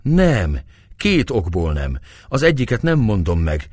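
Young woman, frightened, urgent, breathless, higher than the reader's own voice, a man acting her out. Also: sing-song, darkish tone, no echo, clean studio sound.

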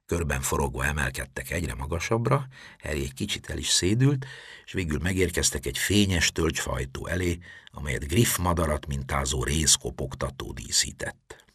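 A man reading an audiobook aloud with dramatic, expressive storytelling that drops low for tension. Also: slightly rough, dry recording, studio quality. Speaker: audiobook narrator. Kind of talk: expressive scripted narration.

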